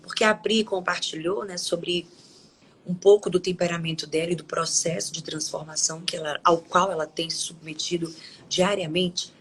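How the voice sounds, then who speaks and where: A woman with a lowish voice hosts a devotional live stream. She talks in a loose, conversational way and pauses to read Bible verses aloud. A faint hiss sits under the voice. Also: fairly even intonation, poor audio. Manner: conversational, with frequent tag questions and restarts. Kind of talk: devotional talk and scripture reading.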